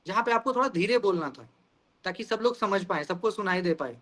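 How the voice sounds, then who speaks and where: A male teacher delivers a lecture in a high, bright voice. He explains each idea through everyday examples and keeps turning to the class with questions. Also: expressive, brisk. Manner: explains with everyday examples, often asks "guys".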